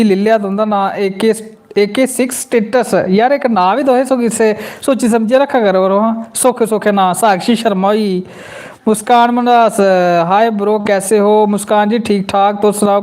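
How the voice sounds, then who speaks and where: A man with a Dogri accent from Jammu, telling a comic story on a live stream and reading out viewer comments. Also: sits high. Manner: animated storyteller, bursts into quoted voices. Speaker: comedy channel host.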